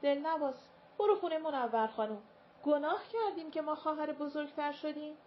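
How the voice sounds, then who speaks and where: A woman voicing a stern, sharp-tongued mother of the house in a storybook reading, curt and dismissive. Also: sits high, expressive, pitched above the performer's own voice. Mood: commanding. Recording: dull lo-fi recording with faint hiss.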